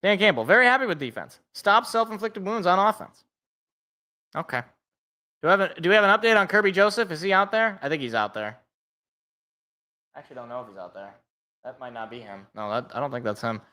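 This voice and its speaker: A man in his twenties hosts a live football reaction stream. He calls plays and jokes with his chat in a bright, forceful voice that sits slightly high. His humor is self-deprecating. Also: a little fast, pauses often. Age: 20s. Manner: joking, self-deprecating, chatting with viewers. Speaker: sports podcast co-host. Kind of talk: live game reaction and play-by-play.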